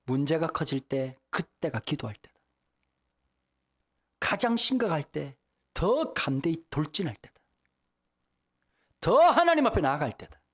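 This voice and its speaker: Busan guy preaching at a revival, voice jumps up and down a lot, joking then yelling. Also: fairly high pitch, big pitch swings, measured pace, pauses often, husky. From Busan, South Korea. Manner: emphatic, humorous, acts out prayers with sudden shouts. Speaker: guest pastor at revival meeting. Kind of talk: revival sermon.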